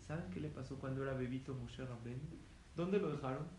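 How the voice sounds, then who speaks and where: A man's voice: medium pitch, fast. A man giving a religious lecture, telling stories with energy and putting questions to his audience. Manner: lively storytelling, asks the audience questions. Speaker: rabbi lecturer. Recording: roomy hall with faint noise.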